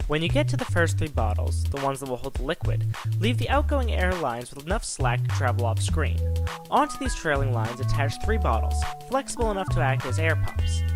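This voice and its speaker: Animated man hosting a tutorial. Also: mid-range voice. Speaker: video tutorial host. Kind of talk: how-to presenting for a film effects tutorial.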